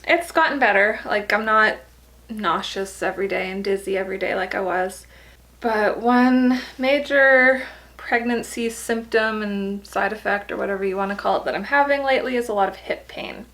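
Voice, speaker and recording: A woman's voice: mid-range voice, normal speed, a bit bright, poor audio. A tired, pregnant young woman giving a casual vlog update, chatty and laughing often. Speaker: vlogger.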